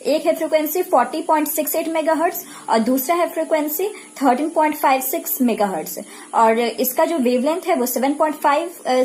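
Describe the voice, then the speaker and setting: The audio is poor as a woman with an Indian accent, a high pitch and a darkish tone delivers a physiotherapy lecture in a blend of Hindi and English. Her teaching is didactic and repetitive, and she asks questions only to answer them herself.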